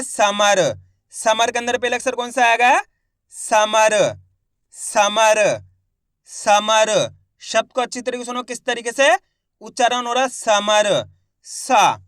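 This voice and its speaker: Male teacher, high voice, dry close voice-over; sounds out each word syllable by syllable and quizzes the viewer. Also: fairly bright tone, clear, resonant tone, no echo. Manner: spells out words syllable by syllable, repeating each word; addresses viewers as friends, asks quiz questions. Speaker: Hindi reading teacher. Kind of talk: step-by-step literacy lesson.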